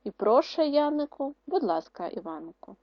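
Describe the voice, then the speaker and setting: A woman teacher giving a video lesson to schoolchildren, dictating words slowly and explaining rules in a clear, instructive way. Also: high voice, big pitch swings, no room sound. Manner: slow, syllable-by-syllable dictation of words. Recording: dry, muffled lo-fi recording.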